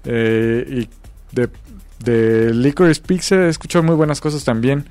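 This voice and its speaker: A man's voice: mid-range voice, unhurried, darkish tone, no echo, faint music behind. A man, talking in a rambling, hesitant way, full of fillers, as co-host of a casual chat about film awards. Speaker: podcast co-host.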